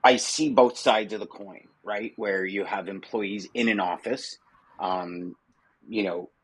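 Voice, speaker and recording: Male podcast host, husky and low, loose rambling chat, dry close sound. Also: fairly even intonation, measured pace. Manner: rambling, conversational, lots of fillers. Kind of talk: casual interview chat.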